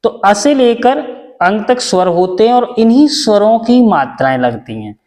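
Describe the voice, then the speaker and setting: In a big-sounding room, a man from India gives a simple classroom lesson at a moderate pace. His voice sits high and is expressive with a darkish tone, and he patiently goes over every step again, asking questions and supplying the answers.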